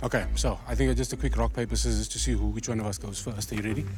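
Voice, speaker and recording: A man's voice: on the low side, steady tone, racing, music in the background. A man hosting with playful jokes and nervous stammers. He is recorded echoing inside a huge concrete cooling tower. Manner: joking, stammering with nerves. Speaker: host. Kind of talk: playful presenting.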